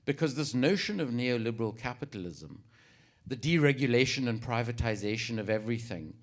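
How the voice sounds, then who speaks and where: A South African man answering as a panelist, measured and explanatory with a wry touch. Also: mid-range voice, animated.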